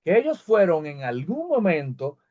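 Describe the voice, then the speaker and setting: A man whose first language is Spanish, explaining an English lesson and reading the English examples slowly and carefully. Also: fairly high pitch, wildly swooping pitch, mellow, muffled recording. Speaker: English teacher. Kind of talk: recorded online English lesson.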